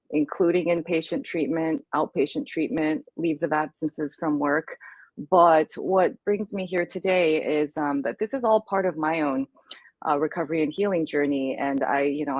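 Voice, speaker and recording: A deep, darkish female voice belongs to an American interview guest who sounds earnest and reflective as she recounts her experience in open conversation. The audio is rough but free of echo.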